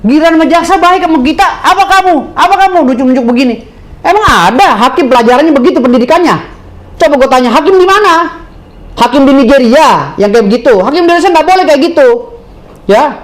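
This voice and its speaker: A man's voice: very high-pitched, a little fast. A man, a lawyer answering interview questions in a heated, indignant way. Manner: indignant, animated, mimics others.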